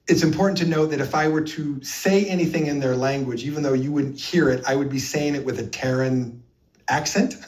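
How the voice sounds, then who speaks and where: An earnest man recounts his experiences as an interview guest, leaning hard on key points between frequent ums. His voice sits in a mid range and sounds a little distant from the microphone. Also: medium pitch. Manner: earnest, emphatic, with many fillers.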